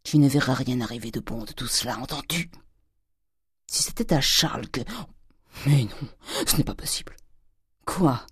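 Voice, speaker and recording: A reader voicing a domineering, miserly old father who lurches from loud fury to hissed whispers. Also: medium pitch, moderate pace, long pauses, slightly rough, dry recording, clean studio sound. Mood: raging. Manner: thundering, swinging from shouts to hissed whispers. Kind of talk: audiobook character reading.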